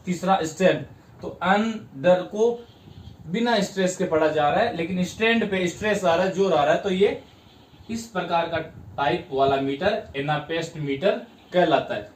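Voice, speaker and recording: Man from India, teacher, high voice, slow and deliberate syllable-by-syllable delivery, roomy distant sound. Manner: slow, spells out syllables with stress. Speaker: English teacher. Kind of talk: classroom lesson. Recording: roomy, distant mic, faint background noise.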